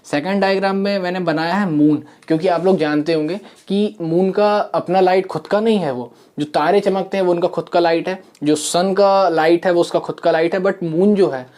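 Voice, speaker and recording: Soft-spoken science teacher. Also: male voice, high-pitched, steady tone, moderate pace, hardly any pauses. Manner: explains step by step with many fillers and repeats. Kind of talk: classroom lesson. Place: small room. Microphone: camera mic.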